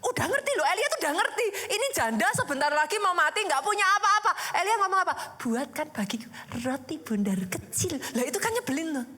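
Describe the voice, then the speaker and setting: Lively woman pastor preaching. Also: very high-pitched, racing, hardly any pauses. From Indonesia. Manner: lively, conversational preaching with rhetorical questions. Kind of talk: sermon.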